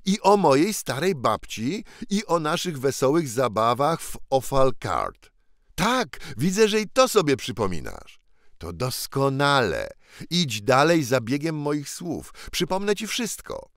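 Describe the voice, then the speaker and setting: A man voicing an eager, earnest poor boy who has been crowned by mistake, speaking with animated, pleading insistence. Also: medium pitch, a little slow, no echo, studio quality, voice pushed up, heavily acted.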